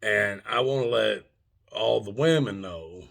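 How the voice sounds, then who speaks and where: An older man with a gravelly, husky voice delivers an old man's back-in-my-day rant to his viewers, halting, folksy and plain-spoken. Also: lowish voice, fairly bright tone. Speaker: video channel host. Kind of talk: informal monologue to viewers.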